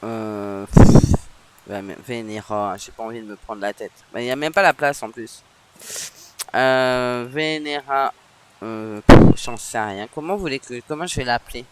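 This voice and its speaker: A man's voice: mid-range voice, unhurried, noisy background. A man with a northern French accent giving casual, chatty let's-play commentary, with frequent hesitations. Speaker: gaming streamer.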